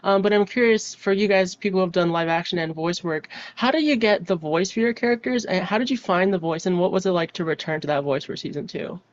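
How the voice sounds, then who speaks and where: A man's voice: sits high, fast, few pauses, dull audio. A man interviewing guests, asking questions in a friendly way with plenty of fillers. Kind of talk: casual interview.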